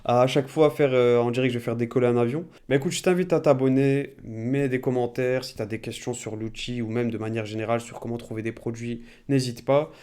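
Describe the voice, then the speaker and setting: Relaxed man thinking aloud on-screen. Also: mid-range voice, brisk, hardly any pauses, smooth. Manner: thinks aloud, talks straight to the viewer; relaxed, many fillers. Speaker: e-commerce YouTuber. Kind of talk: casual screen-share tutorial.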